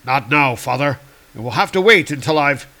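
A man voicing a proud, hot-tempered male god from a comic, speaking in booming archaic declarations. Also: lively intonation, moderate pace, bright, forceful tone. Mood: angry commanding.

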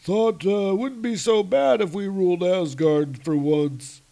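A man's voice: high voice, measured pace, creaky, dark tone, pitched above the performer's own voice. A man voicing a hulking male frost giant, speaking in a raised, strained voice with an odd timbre. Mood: sheepish.

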